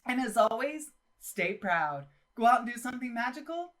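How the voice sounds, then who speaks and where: A woman's voice: on the high side, expressive, moderate pace, fairly bright tone. A woman hosting a video channel, giving chatty, enthusiastic, emphatic voice-over commentary on a game build in a casual style. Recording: music behind the voice. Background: music.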